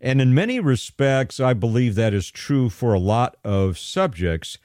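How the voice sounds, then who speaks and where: A man hosting talk radio, delivering a monologue in halting, deliberate phrases with frequent pauses. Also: medium pitch, animated, a little mellow, no echo, studio quality.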